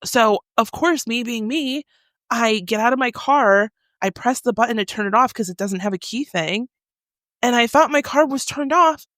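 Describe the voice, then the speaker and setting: A woman in her forties, co-hosting a podcast in a small studio room, telling stories animatedly and acting out scenes with loud exclamations. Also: fairly high pitch, normal speed, dry recording. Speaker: podcast co-host. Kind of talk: casual chat.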